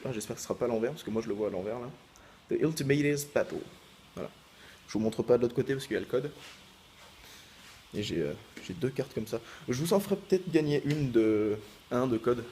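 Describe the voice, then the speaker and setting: A man's voice: fairly low pitch, fast, mellow, a little hiss or hum. A man who makes gaming videos, chatting casually to his viewers in a rambling, hesitant way full of fillers and restarts. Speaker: gaming YouTuber. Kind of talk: casual vlog chat.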